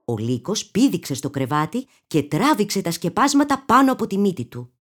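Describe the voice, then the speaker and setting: A woman reads a children's fairy tale aloud, her voice rising and falling with lively expression. She tells it in a clear, animated storytelling manner at a middle pitch. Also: soft background music. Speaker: narrator.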